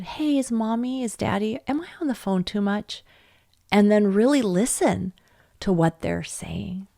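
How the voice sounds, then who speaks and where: Animated woman presenter, dry close sound. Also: fairly low pitch, no echo. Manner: lively, acts out quoted voices, laughs often. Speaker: webinar presenter. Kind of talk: teaching webinar talk to parents. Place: home office, not in the same room as her audience.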